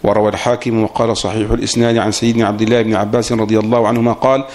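A man reading a classical Arabic religious text aloud in a lesson, pausing while his teacher comments. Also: on the low side, flat delivery, a little mellow. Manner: reads steadily, pauses for the teacher's comments.

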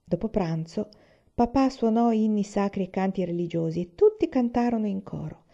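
A woman reading a novel aloud in a calm, even storytelling manner. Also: mid-range voice, normal speed, creaky. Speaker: reader. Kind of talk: audiobook narration. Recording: slightly dull lo-fi recording.

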